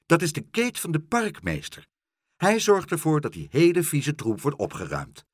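A man's voice: fairly high pitch, wildly swooping pitch, moderate pace, husky, no echo, clean studio sound, pitched above the performer's own voice, heavily acted. A man doing a bubbly, chatty woman. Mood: cheerful. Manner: eager, rattling on.

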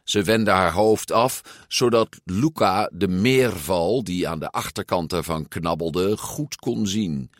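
A man narrating a children's storybook in a measured, expressive read-aloud manner. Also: low voice, no echo, clean studio sound. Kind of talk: storybook reading.

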